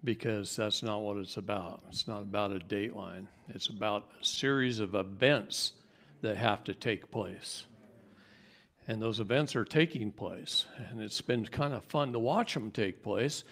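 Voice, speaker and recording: A man giving a live seminar talk to an audience, animated and jokey, his voice climbing high when he gets worked up. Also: measured pace. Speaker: seminar speaker.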